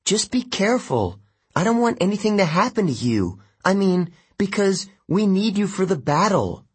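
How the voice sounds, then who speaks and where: A clever, fretting teenage girl who speaks earnestly, put on by a male audiobook reader. Her voice is raised high and sounds husky. She speaks slowly, and her pitch moves around a lot. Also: big pitch swings, exaggerated voice.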